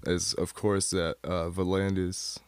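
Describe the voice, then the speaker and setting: A man's voice: low-pitched, little pitch movement, slow, clear, resonant tone, no echo. A young man from Michigan, a guest in a casual interview, talking in a rambling way with lots of fillers and restarts. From Michigan, USA. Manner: rambling, many fillers and self-corrections.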